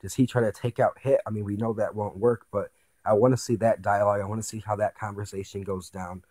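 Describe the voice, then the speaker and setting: A man with a fairly low, very mellow voice hosts a casual anime preview breakdown. He speculates out loud, posing questions and repeating himself for emphasis. The sound is dry and close, with very little room in it. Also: steady tone, fast talker, dry recording. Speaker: host of an anime commentary channel.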